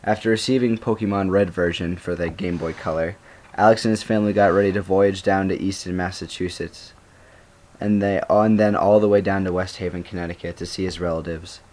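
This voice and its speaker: A male student reading his own story aloud, unhurried, with occasional stumbles and restarts. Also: low-pitched, fairly even intonation, a little mellow. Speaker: student reader.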